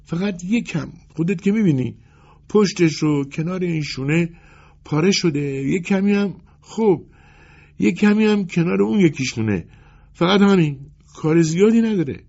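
Storybook figure: a man doing a timid clerk, high and halting, rough-edged, dull lo-fi sound. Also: animated, darkish tone, exaggerated voice. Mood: pleading. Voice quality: pleading, hesitant. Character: meek timid poor male clerk. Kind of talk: audiobook character voice. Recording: dull lo-fi recording.

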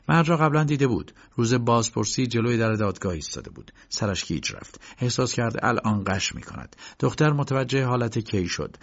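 A man narrates an audiobook in a gravelly, mid-pitched voice. His delivery is measured and steady. The recording sounds dull and lo-fi. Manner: measured storytelling.

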